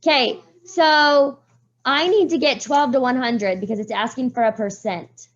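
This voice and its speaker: A woman teacher leading a math class, talking students through each step and calling on them by name, her voice a little hoarse. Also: high-pitched, unhurried, muffled recording. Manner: walks students through steps, calls on pupils by name. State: voice getting hoarse.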